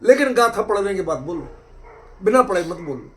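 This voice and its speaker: High-voiced man teaching scripture. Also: big pitch swings, moderate pace. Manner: keeps quizzing listeners with rhetorical checks; emphatic, explanatory, uses homely examples. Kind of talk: interactive scripture discussion. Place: online group session.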